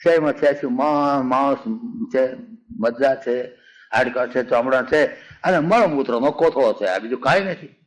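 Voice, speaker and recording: An older man with a Gujarati accent giving a spiritual discourse, telling folksy stories, acting out villagers and chanting verses slowly. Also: medium pitch, poor audio. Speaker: spiritual speaker. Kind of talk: Ramayana discourse with humor and chanting.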